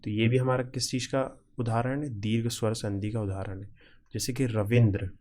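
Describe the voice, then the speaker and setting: A man's voice: medium pitch, fairly even intonation, darkish tone. A man teaching a grammar lesson for exam students, breaking words into parts step by step and often checking in with the class. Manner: repetitive, keeps checking in with "ठीक है"; spells out word parts slowly, piece by piece.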